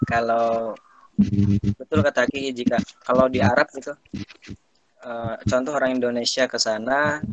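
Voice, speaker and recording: A man's voice: mid-range voice, muffled recording, slight background noise. A male student politely asking his teacher a question, with some hesitation.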